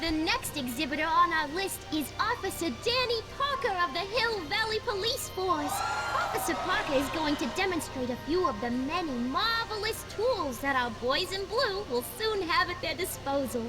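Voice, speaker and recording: A woman's voice: extremely high pitch, expressive, normal speed, hardly any pauses, over loud music, rough recording. A woman voicing a perky, formal expo announcer in a video game, with chirpy, flowery, upbeat delivery.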